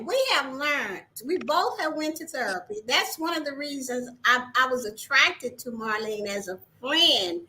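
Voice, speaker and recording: A woman business owner with a high-pitched voice chats casually, teasing her friend and laughing often while animatedly telling stories. The audio quality is poor.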